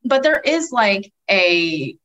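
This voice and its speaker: A woman's voice: medium pitch, very animated, takes it slowly, bright, forceful tone, lo-fi sound, slight background noise. A woman who is a guest on a podcast, talking casually in a hesitant way with many fillers. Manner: filler-heavy, hesitant phrasing. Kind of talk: casual chat.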